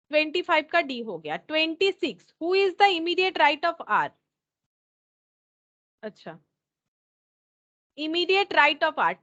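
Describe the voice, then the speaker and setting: A woman's voice: high-pitched, a bit bright, highs cut off. A woman teacher working through a test question step by step, thinking aloud and repeating each point, with English terms mixed into her talk. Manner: mixes English terms into Hindi. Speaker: reasoning teacher.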